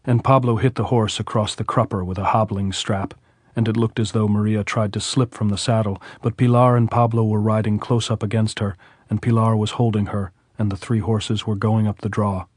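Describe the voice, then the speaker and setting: A man narrating an audiobook in a measured, even way. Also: fairly low pitch, no echo, studio quality. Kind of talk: scripted narration.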